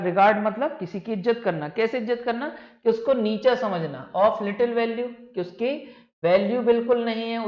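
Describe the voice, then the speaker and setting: A man teaching a vocabulary lecture to exam students, explaining patiently, repeating key words and calling his students "beta". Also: high voice. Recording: echoey room, dull lo-fi sound.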